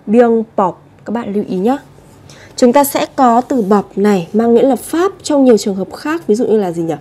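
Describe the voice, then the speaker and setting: A woman's voice: on the high side, animated, brisk, mellow, husky. Patient woman teaching vocabulary. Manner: patient, repeats each word, addresses viewers directly. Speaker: Korean language teacher. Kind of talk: vocabulary lesson explanation.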